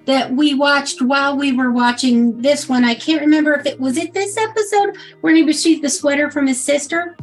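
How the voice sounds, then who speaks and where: A woman with a fairly high voice co-hosts a podcast in a relaxed, chatty way. She reads from her notes and fills the gaps with ums and uhs. Faint music plays behind her. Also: normal speed, few pauses. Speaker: podcast co-host. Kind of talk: casual podcast chat.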